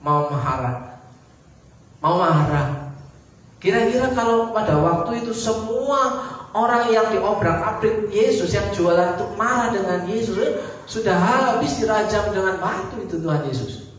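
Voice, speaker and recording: A man's voice: sits high, normal speed. A male pastor with a Javanese-tinged Indonesian accent preaching a sermon, asking the congregation rhetorical questions. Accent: Javanese-influenced Indonesian. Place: church hall, livestreamed service. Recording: echoey church hall, distant mic.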